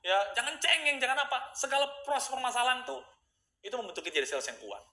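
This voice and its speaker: Fast, bright-voiced sales coach. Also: male voice, extremely high pitch. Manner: energetic, addresses viewers directly. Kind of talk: casual live-stream talk. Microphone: phone live stream. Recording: roomy echo.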